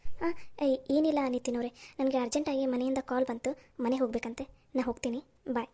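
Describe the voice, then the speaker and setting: A woman's voice: high voice, level tone, normal speed, warm tone. A woman as a fretful young office worker. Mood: worried. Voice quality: pleading, fretful. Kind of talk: cartoon voice acting.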